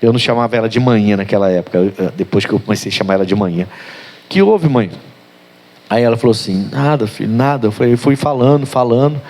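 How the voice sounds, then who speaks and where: A middle-aged male pastor preaching a sermon, telling a story from his youth, swinging from hushed and tender to loud and fiery, talking straight to his listeners. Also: on the low side, racing, hardly any pauses.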